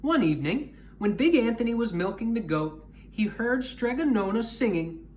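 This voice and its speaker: A male storyteller reads a picture book for children with very lively, wide-ranging intonation. His delivery is expressive, with clear noise in the background. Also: very high-pitched, moderate pace. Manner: animated, expressive.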